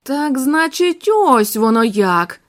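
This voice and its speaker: A woman doing a shrewd old detective, calm and firm, high voice with a lively range, audiobook. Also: a little fast. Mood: measured. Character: shrewd elderly male Belgian detective.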